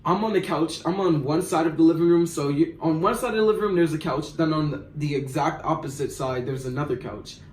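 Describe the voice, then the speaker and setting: A man's voice: fairly high pitch, brisk, hardly any pauses. A young man tells a rambling, slangy story in a casual storytime. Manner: slangy, rambling, animated retelling. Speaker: vlogger. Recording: roomy echo.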